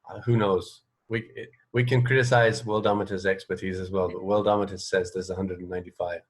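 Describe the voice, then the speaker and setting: An English radio show host conducts a casual interview in a low, husky voice with flat delivery and a slightly fast pace. He rambles and hesitates, frequently rewording himself as he corrects course.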